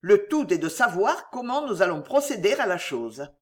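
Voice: medium pitch, big pitch swings, normal speed, natural voice. A reader voicing a blunt, cynical heavyset nobleman who speaks dryly and offhandedly. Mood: dry, offhand. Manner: dry and offhand.

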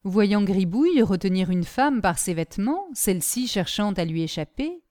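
Woman storyteller, measured storybook narration, dry close sound. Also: medium pitch, sing-song, mellow, no echo. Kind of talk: expressive storybook reading.

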